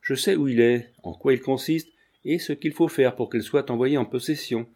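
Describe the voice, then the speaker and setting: A man's voice: mid-range voice, normal speed, a little mellow, lightly acted. A man voicing a jovial, sententious old retired lawyer in his sixties, bantering and lecturing at the dinner table. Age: 60s.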